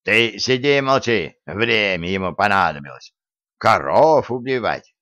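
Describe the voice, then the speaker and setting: A man voicing a grumpy, stubborn old grandfather who scolds and shouts threats, in an audiobook. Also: lowish voice, animated, unhurried, no echo. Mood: scolding. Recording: dry, slightly dull audiobook recording.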